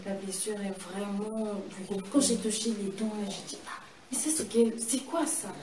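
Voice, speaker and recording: A woman recounts a personal experience in an animated, conversational way, often restarting her phrases and acting out how she reacted. Her voice sits at an ordinary middle pitch. She was recorded from some distance in a roomy space, with steady noise behind her. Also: normal speed. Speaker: guest sharing a testimony. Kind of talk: conversational storytelling.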